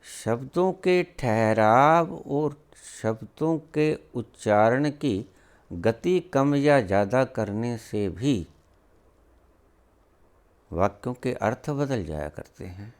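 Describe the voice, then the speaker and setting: Slow, emphatic spiritual teacher, man. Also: lowish voice, expressive, darkish tone. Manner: rhetorical questions, scolding and emphatic; slow with long pauses. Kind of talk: spiritual discourse.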